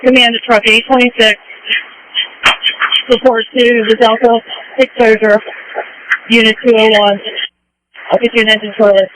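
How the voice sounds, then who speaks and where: A man's voice: extremely high pitch, level tone, moderate pace, long pauses, noisy background. A man giving terse, procedural orders as a fireground commander over two-way radio. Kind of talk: emergency radio dispatch traffic, giving orders. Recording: dry, radio transmission.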